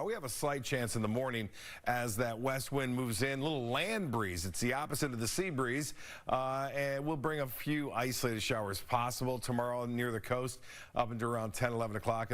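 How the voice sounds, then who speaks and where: A man's voice: mid-range voice, a bit bright. A man presenting a local TV weather forecast in a folksy, conversational, unscripted way.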